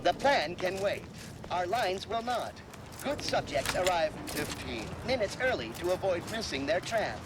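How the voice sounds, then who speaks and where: A man voicing a stern, automated male transit announcer heard over a loudspeaker, giving formal, scolding announcements. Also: high voice, big pitch swings, unhurried, noisy background. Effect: public address announcement over a loudspeaker.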